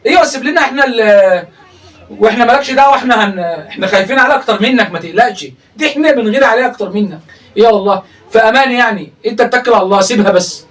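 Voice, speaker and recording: Fast, high-voiced Egyptian man mocking. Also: a bit bright, far from the mic, a little hiss or hum. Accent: Egyptian Arabic. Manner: teasing, laughing often, exclaiming. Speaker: comedic reaction host. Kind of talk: mocking reaction commentary on a livestream.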